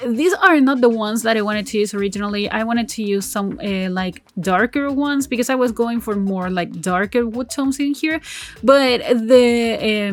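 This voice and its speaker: Narrating her build in a building game, this game video creator, a native Spanish speaker with a somewhat high voice, talks casually and rambles through her decisions. Fillers and self-corrections pepper her speech, and she frequently laughs at herself.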